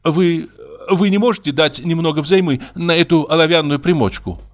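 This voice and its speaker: A man's voice: fairly high pitch, normal speed, pitched above the performer's own voice, close to an everyday voice. A man voicing an anxious young actor's wife who pleads fretfully in an audiobook reading. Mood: pleading.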